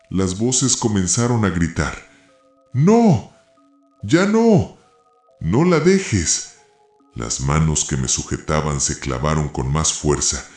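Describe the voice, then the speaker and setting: A man narrating a scripted horror story in a slow, hushed, dramatic way. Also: rumbling low. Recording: echoey room, faint music.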